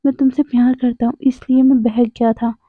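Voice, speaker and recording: A woman's voice: fairly high pitch, level tone, a little fast, dry recording, close to an everyday voice. A woman voicing an anxious young man who pleads and apologizes, often stammering, in a storybook reading. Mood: pleading. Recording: tinny phone-like dry sound.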